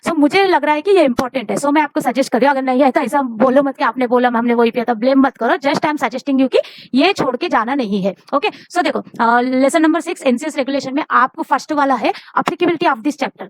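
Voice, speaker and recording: High-voiced woman tutor giving urgent exam tips. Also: fairly quick, dry recording. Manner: urgent, repeats herself, mixes Hindi and English.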